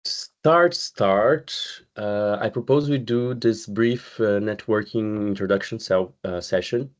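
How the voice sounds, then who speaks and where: A man from Brazil, a community manager, hosting an online webinar in a relaxed, conversational way over a video call. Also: on the low side. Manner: relaxed, conversational, pauses often with "uh" and "um". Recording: slightly muffled video call audio.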